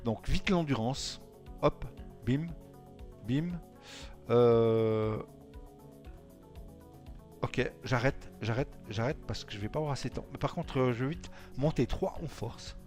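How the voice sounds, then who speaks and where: A let's play gamer from Switzerland gives loose, rambling gameplay commentary in a Swiss French accent, with a mid-range, darkish voice. He speaks slowly and pauses often, packing his lines with fillers and tagging them with "hein," while soft music plays in the background.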